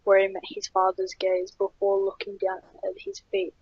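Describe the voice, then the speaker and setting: Woman narrator for a horror story reading, a bit husky, muffled lo-fi audio. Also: medium pitch, monotone, normal speed. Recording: dull lo-fi.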